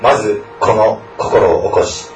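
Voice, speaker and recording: The chaplain's voice is lowish and steady in tone, and he speaks a little slowly. Addressing students earnestly through scripture reading, prayer and a sermon, he often closes sentences with a questioning tag. Slight background noise comes through, and the distant mic picks up an echoey room.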